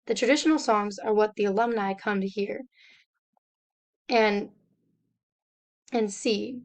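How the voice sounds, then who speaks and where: A young woman, a student, reading a slide presentation aloud in a steady, step-by-step explanatory way. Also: medium pitch, a little slow.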